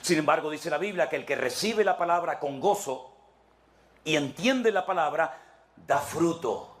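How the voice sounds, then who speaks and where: A man's voice: fairly high pitch, expressive, unhurried. A man preaching a sermon to his congregation as pastor, emphatic and repetitive, speaking to them directly.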